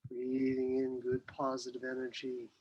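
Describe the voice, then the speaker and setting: A man teaching qi gong, giving serene, unhurried movement and breathing cues with long pauses. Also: mid-range voice, monotone, muffled recording. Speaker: qi gong instructor.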